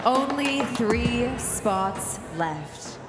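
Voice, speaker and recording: A woman co-hosting a live pageant, announcing with excitement and a build-up of suspense. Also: on the high side, extremely slow. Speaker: pageant co-host. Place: large event hall with music behind. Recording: echoey hall PA, loud music behind.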